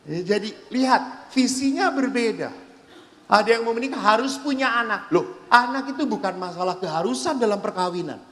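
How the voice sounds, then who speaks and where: Brief: a high-voiced priest preaching, full of animated storytelling, with a long reverb from a large hall. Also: male voice, brisk. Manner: lively storytelling with acted-out quotes. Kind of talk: seminar sermon. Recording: echoey hall.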